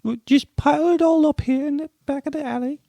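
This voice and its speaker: A woman's voice: high voice, steady tone, brisk, creaky, warm tone, no echo. A woman playing a tabletop game, wry and bargaining in character. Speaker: player. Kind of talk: casual tabletop play.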